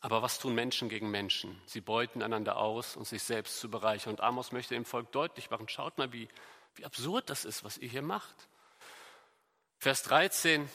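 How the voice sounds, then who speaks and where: A middle-aged man preaching a sermon, reading scripture aloud and moving between loud emphasis and quiet asides. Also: medium pitch, moderate pace, creaky. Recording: long hall reverb.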